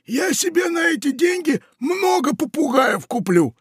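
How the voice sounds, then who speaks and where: A man voicing a boisterous, treacherous male pirate in a storybook, shouting his lines in a strained, raised voice. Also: animated, a little slow, no echo, studio quality. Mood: boastful. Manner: shouting, exclamatory, high-pitched. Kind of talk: audiobook character voice.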